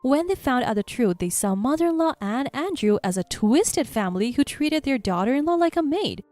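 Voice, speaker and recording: A woman narrating a first-person story in a calm, matter-of-fact manner. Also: high voice, moderate pace, faint music behind.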